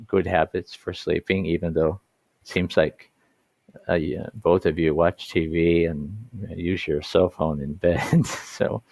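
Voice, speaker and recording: A man teaching an online English lesson, talking in a halting way with many restarts and slow, stressed words. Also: low voice, gravelly, darkish tone, dry recording.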